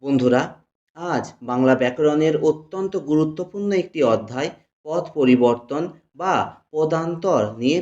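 Male online tutor, somewhat high voice, steady list-reading lesson delivery; echoey room. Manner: steady list recitation of word pairs. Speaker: grammar tutor. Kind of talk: reciting a grammar lesson. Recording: echoey room, dull lo-fi sound.

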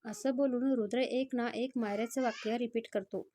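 Woman storyteller, steady reading, slightly high and mellow. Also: moderate pace, a little hiss or hum. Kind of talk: scripted story narration.

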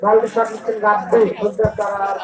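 An excited Bangladeshi-accented commentator calls a local football match play by play, often repeating players' names. The voice sits away from the mic with a noticeable echo. A crowd is clearly audible around it. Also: medium pitch, a little fast. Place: outdoor local football ground. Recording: distant echoey outdoor mic, crowd noise.

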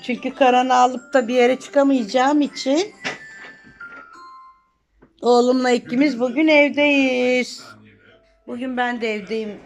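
An older woman from Turkey chatting to viewers in a casual home vlog while minding her grandchild, filmed on a phone in a small apartment. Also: high-pitched. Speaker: grandmother vlogger. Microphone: phone camera.

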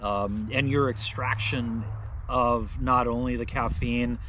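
A man casually demonstrating camping coffee gear, chatty and relaxed, thinking out loud as he goes. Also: mid-range voice, slow, slight background noise. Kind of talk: casual product demo.

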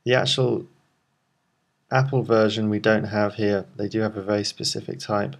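A man presenting a software tutorial, calmly explaining each step of a screen walkthrough with frequent ums. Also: lowish voice, normal speed, gravelly.

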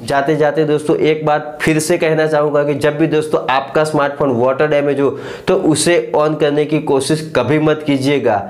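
A man's voice: a little high, little pitch movement, normal speed, hardly any pauses, a little mellow. Earnest man hosting a tech explainer. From India. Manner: earnest, keeps addressing viewers as friends. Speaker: tech YouTuber host. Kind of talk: scripted explainer to camera. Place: small living room set, indoors. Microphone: lapel mic.

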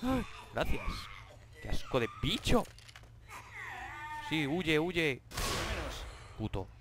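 Sarcastic gamer shouting over noise. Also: male voice, on the high side, expressive, extremely slow. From Spain. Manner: sarcastic, jokey, shouts and yelps in panic. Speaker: gameplay commentator. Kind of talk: casual gameplay commentary.

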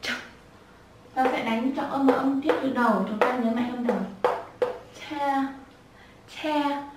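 A woman teaching children pronunciation, repeating each word slowly and breaking it into sounds with patience. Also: fairly high pitch, steady tone, very noisy. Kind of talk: slow spoken lesson with repeated drills. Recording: echoey room, voice a bit far from the mic.

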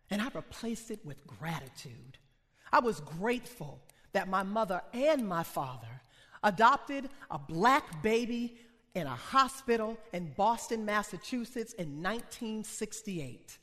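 Bright high-voiced man telling a heartfelt story. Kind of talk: live stage storytelling. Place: theater stage. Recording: live theater hall reverb.

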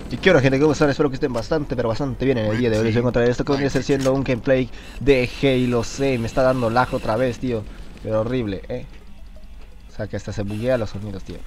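A man giving casual, excitable gameplay commentary, talking to his viewers and to the game and swearing often. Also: medium pitch, fast, soft background music.

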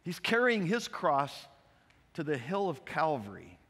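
A man's voice: a little high, measured pace, slightly rough. Man preaching in a reverberant hall. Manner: conversational, animated preaching with repetitions. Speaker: pastor. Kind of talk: expository sermon. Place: church sanctuary.

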